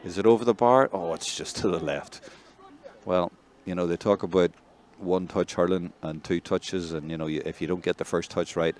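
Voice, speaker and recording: A man with a Northern Irish accent giving live play-by-play commentary, chatty between plays and excitable when a score comes. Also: low-pitched, normal speed, slight background noise. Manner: conversational, excitable on big plays. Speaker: match commentator.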